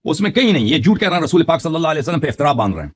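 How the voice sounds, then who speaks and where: A man in a heated religious debate, forcefully quoting Arabic texts and accusing his opponent. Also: fairly high pitch, very animated. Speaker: Shia debater.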